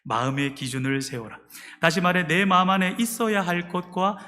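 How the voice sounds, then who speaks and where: A male pastor preaching a sermon in a church, animated, acting out everyday speech and leading the congregation in repeated lines. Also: high voice, moderate pace. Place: church sanctuary. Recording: long church reverb.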